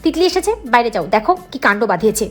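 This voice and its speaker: A woman's voice: fairly high pitch, sing-song, rapid-fire, faint music behind. Resentful middle-aged mother, indignant and scolding, as a woman reads her. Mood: irritated.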